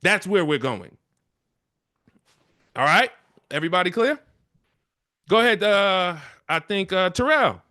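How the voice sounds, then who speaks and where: A man with a notably high-pitched voice delivers a motivational speech to an assembly. He drives his points home with emphatic, repetitive rallying lines, taking questions as the session's leader. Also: expressive, unhurried, long pauses, sharp tone. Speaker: community leader addressing an assembly.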